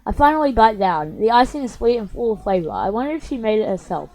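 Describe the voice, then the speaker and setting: A woman's voice: fairly high pitch, sing-song, fast, a little mellow, low-quality recording. A young woman reading a visual novel aloud for her stream, chatty and self-mocking, with a slightly sore voice. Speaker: gaming streamer.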